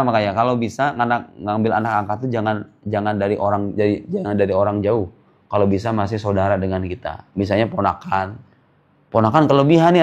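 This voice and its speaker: A male Islamic preacher giving a casual religious lecture, quizzing listeners with rhetorical questions and jokey asides. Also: lowish voice. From Indonesia.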